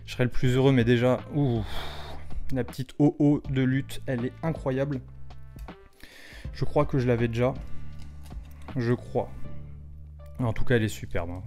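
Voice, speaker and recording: A man in his thirties opening trading cards on his channel, chatting casually and exclaiming loudly over his pulls. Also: mid-range voice. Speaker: card-opening YouTuber. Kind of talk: casual vlog commentary.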